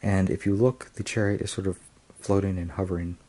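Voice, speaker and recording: A man's voice: sits low, fairly even intonation, fairly quick, warm tone. A man casually reviewing and unboxing a tarot deck, hesitant, with frequent ums and restarts.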